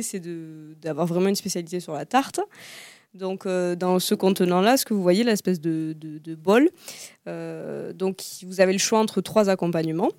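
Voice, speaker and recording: A woman with a fairly low, slightly mellow voice speaks on a dry, studio-quality recording. She is a guest on an interview, the founder of a small zero-waste tart shop, and answers casually and hesitantly, with lots of fillers and restarts.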